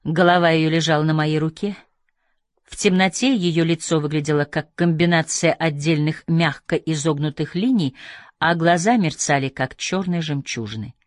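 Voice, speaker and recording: A man reading an audiobook aloud in a measured, steady scripted narration. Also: a little high, no room sound, clean studio sound. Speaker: audiobook reader.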